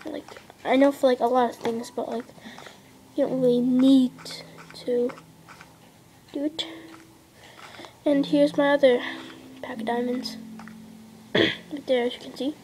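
Her high voice turns dark in tone and flat, a little slow with long pauses, as she rambles over her mobile game with fillers and half-whispers. Recorded indoors at a table by a device camera filming a handheld screen, the poor audio carries a little hiss or hum.

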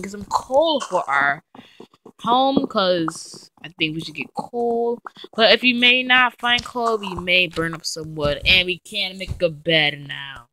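A woman chatting through her gameplay in a casual, excitable way and addressing her viewers directly. Her voice is bright and forward. The sound is dry and close, with no room echo. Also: fairly low pitch. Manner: chatty and excitable, easily frightened, talks to viewers. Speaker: let's play gamer.

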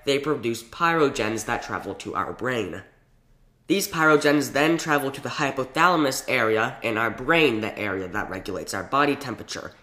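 A man's voice: medium pitch, pushed and bright, echoey room. A young man with a sick voice, narrating a scripted science explainer as the host. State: sick, hoarse voice. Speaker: educational video host.

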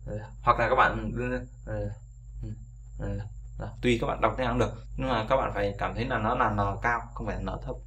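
A man's voice: fairly low pitch, fairly even intonation, fast, fairly bright tone, slight background noise. A man teaching English pronunciation in a casual tutorial, repeating each sound over and over with frequent fillers.

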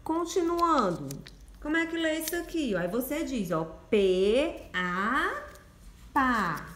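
A Brazilian primary school teacher with a Brazilian Portuguese accent records a phonics lesson for young children from a room at home, sounding out letters in a coaxing, sing-song way. Her voice sits high and fairly bright, with big pitch swings and a slow pace. It's captured voice-only on a phone or home camera, and the room is echoey.

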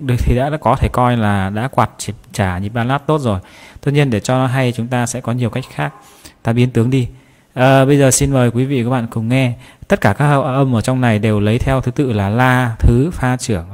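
A man from Vietnam teaching a guitar lesson, patiently calling out strum patterns and repeating them slowly. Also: medium pitch. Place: guitar class room.

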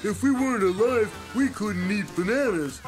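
An actor playing a cheerful, simple, childlike cartoon horse in a radio play, eager and full of exclamations. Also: male voice, sits high, animated, moderate pace. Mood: gleeful. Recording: music behind, 1980s radio play.

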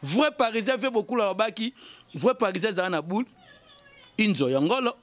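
A man's voice: high voice, expressive, normal speed. A man giving emphatic commentary, repeating phrases and chanting fillers. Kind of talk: animated commentary mixing Lingala and French.

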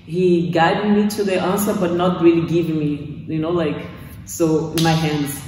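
A young Brazilian woman, a course graduate, gives a casual testimonial in English, her second language, with a Brazilian Portuguese accent. Her voice is low, steady, unhurried and somewhat dark, and she often restarts sentences while searching for words. A far camera mic captures her in a small indoor gym room in front of weight racks, so the sound is echoey and off-mic with a little hiss or hum.

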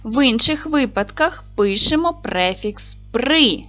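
A woman teaching an online lesson to young children, speaking clearly and stretching out words as she spells them. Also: fairly high pitch, expressive, slow pace, pushed and bright. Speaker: primary school teacher.

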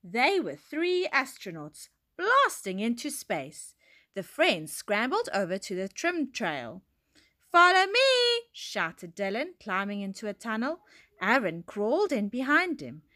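A woman teacher reading a children's storybook aloud, expressive, slow and clear. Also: mid-range voice.

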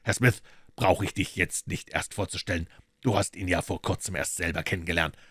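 Brief: wry brilliant detective, low and composed, read by a male narrator. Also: husky, dry recording, studio quality. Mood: explaining. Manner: calm, measured.

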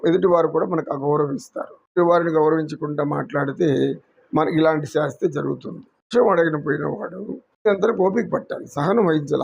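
A man with a Telugu accent, a yoga teacher telling a moral story in an unhurried, preachy way. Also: a little high, creaky, a little mellow, husky, dull audio.

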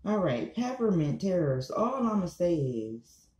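A warm, low-leaning voice with a sing-song lilt and measured pace belongs to an American commentary vlogger in her thirties. She rants casually and bluntly at the camera, emphatic, repetitive, and swearing freely, in an echoey small room.

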